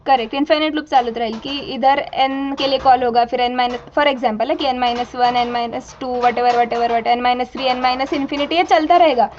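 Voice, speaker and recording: A woman's voice: high voice, steady tone, brisk, few pauses, highs cut off, a little hiss or hum. A young woman teaching a programming class, explaining step by step in a mix of Hindi and English and asking her students questions. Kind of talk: live coding lesson.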